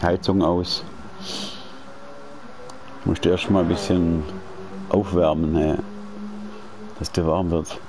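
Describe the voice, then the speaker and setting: This man in his late forties has a low voice and a flat delivery, speaking slowly with frequent pauses over music. Streaming a racing game from home, he chats casually and rambles, using slang and often restarting, with the game's car engines heard behind him.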